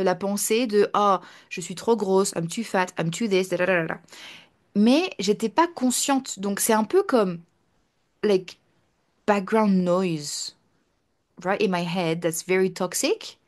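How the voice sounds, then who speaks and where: Chatty bilingual woman teacher. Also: mid-range voice. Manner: switches between French and English, repeating points in translation; chatty, with frequent hesitations and fillers. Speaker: language teacher. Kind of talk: casual personal talk to camera.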